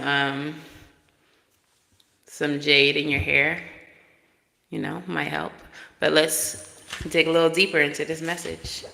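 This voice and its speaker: A woman giving a relaxed, chatty tarot reading to viewers, her voice run through a digital echo effect on her microphone. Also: deep voice, vocal fry. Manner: relaxed, chatty, with frequent fillers. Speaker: tarot card reader. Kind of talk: casual spoken reading to viewers. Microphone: microphone with added echo effect. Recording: echo-effect mic with long reverb.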